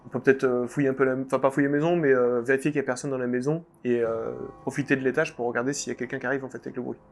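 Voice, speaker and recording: A man's voice: medium pitch, flat delivery, racing. A man chatting casually as a player in a tabletop role-playing game.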